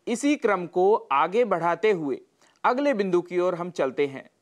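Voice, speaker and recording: A Sanskrit teacher giving a scripted broadcast lesson, with careful, deliberate enunciation and a measured, instructive delivery. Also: mid-range voice, lively intonation.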